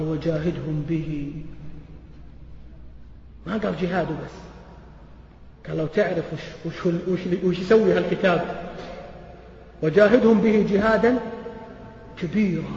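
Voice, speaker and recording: A man preaching a sermon, asking the audience animated rhetorical questions. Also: high-pitched, a little hiss or hum. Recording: echoey hall, dull lo-fi sound.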